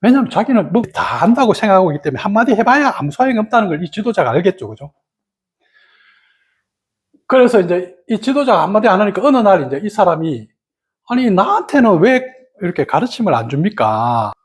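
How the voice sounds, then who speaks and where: A meditation teacher telling a story in a dharma talk, animated and full of fillers. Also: fast. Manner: animated storytelling, many fillers, sudden pitch leaps.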